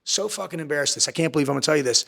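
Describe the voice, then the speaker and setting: A man's voice: fairly high pitch, vocal fry, a bit bright. A man speaking as a guest in a candid podcast interview, blunt and intense, swearing heavily and hammering points through repetition. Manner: swings between fast bursts and slower, drawn-out phrases. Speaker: podcast guest, entrepreneur and former Navy SEAL.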